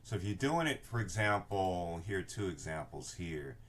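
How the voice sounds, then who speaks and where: A man's voice: deep voice, very animated, moderate pace, fairly bright tone. An older man giving an informal tutorial as an instructor, explaining and often checking that listeners follow. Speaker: research class instructor. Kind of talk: informal screen-share tutorial. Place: indoor room with bookshelves, video inset.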